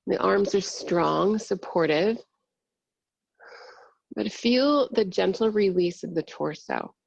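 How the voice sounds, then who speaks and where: A woman leads a yin yoga class in a soft, breathy voice with a gravelly creak. Her cues are gentle, soothing and unhurried. The sound is dry and slightly muffled, as in a close lo-fi recording. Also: mid-range voice, lively intonation, no echo. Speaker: yoga instructor. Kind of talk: guided yin yoga instruction.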